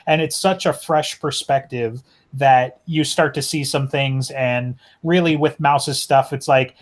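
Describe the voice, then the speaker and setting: A man's voice: mid-range voice, steady tone, a little slow. A man co-hosting a podcast, talking about a book casually and rambling, with many fillers and restarts. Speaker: podcast co-host.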